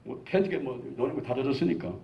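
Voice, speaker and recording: A man's voice: medium pitch, brisk, vocal fry. A man in his sixties, a pastor, telling a testimony in a sermon, acting out the lines of the people in his story. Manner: animated storytelling, acting out quoted dialogue. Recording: dull lo-fi sound.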